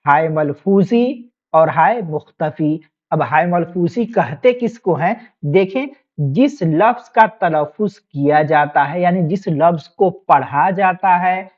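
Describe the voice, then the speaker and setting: In an online exam-prep lesson, a woman explains things patiently, going over each point again and checking in with quick questions to her students. Her voice is fairly low, and the recording loses its high frequencies.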